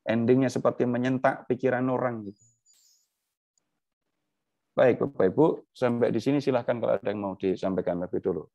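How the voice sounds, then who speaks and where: A man's voice: mid-range voice, fairly even intonation, brisk, long pauses, dark tone, dry recording. Chatty man teaching a Bible lesson. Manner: chatty, rhetorical questions, chuckles. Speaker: Bible study speaker. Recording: dull, dry lo-fi recording.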